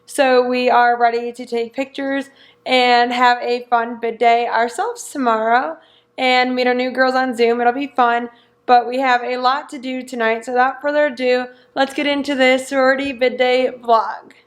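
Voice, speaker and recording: Bubbly young sorority woman, higher-pitched voice. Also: level tone, normal speed. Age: young adult. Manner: bubbly sorority-girl enthusiasm, gushing. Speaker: vlogger, sorority member. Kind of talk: casual vlog chat.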